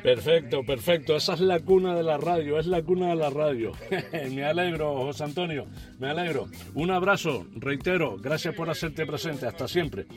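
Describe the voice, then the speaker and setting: A man with a moderately high voice runs amateur radio contacts. He is courteous and formulaic, spelling call signs in phonetic words, with music clearly behind him. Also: moderate pace. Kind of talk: ham radio calls with phonetic call signs and signal reports.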